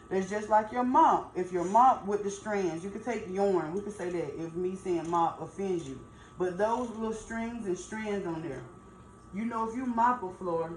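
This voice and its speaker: Woman, echoey room. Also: medium pitch. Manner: emphatic, folksy, repeats points for stress. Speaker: natural hair stylist. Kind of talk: casual chatty advice to camera. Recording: roomy echo, faint background noise.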